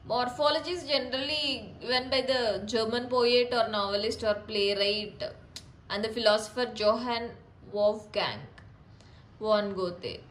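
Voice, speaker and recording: Woman, casual tutor, higher voice, restarts and fillers, faint background hiss. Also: unhurried, fairly bright tone, poor audio. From India. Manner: explains with examples, frequent fillers and restarts. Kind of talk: casual exam-prep lesson.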